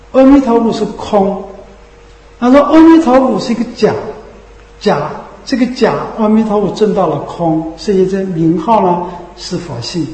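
High-voiced man preaching in an echoey hall. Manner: keeps asking rhetorical tag questions; drops low and soft on the tag questions. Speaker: Buddhist teacher. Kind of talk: Dharma sermon. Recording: echoey hall with long reverb.

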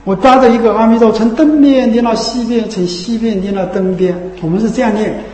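Man, Buddhist sermon, high mellow voice, rhetorical tag questions, echoey hall with long reverb. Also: steady tone, fairly quick. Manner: drops low and soft on the tag questions. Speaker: Buddhist teacher. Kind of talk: Dharma sermon.

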